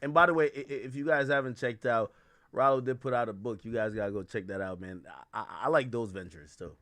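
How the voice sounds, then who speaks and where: Interviewing guests by phone on his livestream, a man from Jamaica talks fast in a medium-pitched, fairly bright voice. His casual hip-hop slang rambles and repeats, with frequent stammers as he keeps circling back mid-thought.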